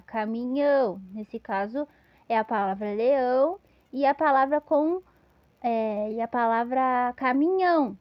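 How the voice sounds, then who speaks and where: A woman's voice: high-pitched, no room sound, dull audio. A woman giving an instructional lesson, patiently explaining step by step with examples. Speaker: teacher.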